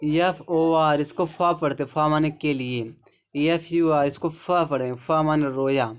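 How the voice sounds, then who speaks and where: A man with a Hindi accent teaching English pronunciation, explaining slowly and repeating words, often checking in with the viewer. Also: on the high side, steady tone, clear, resonant tone.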